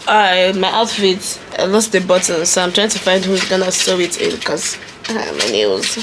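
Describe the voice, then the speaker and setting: A woman's voice: lowish voice, expressive, moderate pace, noisy background. A young woman, a bride-to-be, chatting casually to her camera from her bedroom. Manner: chatty, giggly, talks to camera. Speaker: vlogger, bride-to-be. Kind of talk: casual vlog chat. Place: bedroom, indoors.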